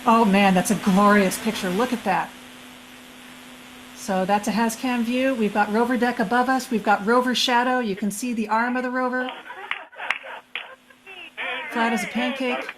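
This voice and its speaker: A woman's voice: a little high, steady tone, normal speed, pauses often, slight background noise, low-quality recording. A woman giving informal live commentary, chatty and thinking aloud as she goes.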